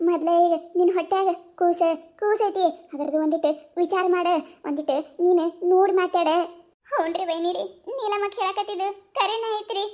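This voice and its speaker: A fiery village woman from a comedy cartoon, as a woman voices her, scolding in a North Karnataka accent. Her voice is very high and her words come fast, full of quick back-and-forth banter. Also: darkish tone. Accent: North Karnataka Kannada.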